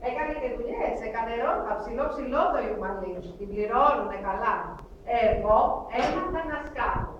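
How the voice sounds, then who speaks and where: A grieving refugee mother, played by a woman on stage, tells her story in halting, lamenting fragments. Her voice sits a little high. It rings through an echoey hall, heard from a distant mic with faint noise behind. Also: dull audio, lightly acted. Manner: halting, lamenting, clipped phrases. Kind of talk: theatrical monologue.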